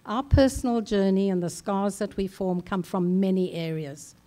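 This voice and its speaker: Slow solemn older woman from South Africa. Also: mid-range voice, warm tone. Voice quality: measured, solemn pauses. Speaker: conference speaker. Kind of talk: slow, deliberate personal speech. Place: large conference hall.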